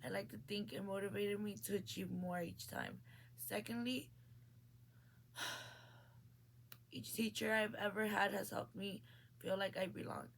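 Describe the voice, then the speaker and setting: A graduating high school student from Mexico, in her late teens, earnestly reads a prepared personal speech. Her medium-pitched voice has a gravelly edge and a flat delivery, and she's unhurried, with long pauses and small restarts.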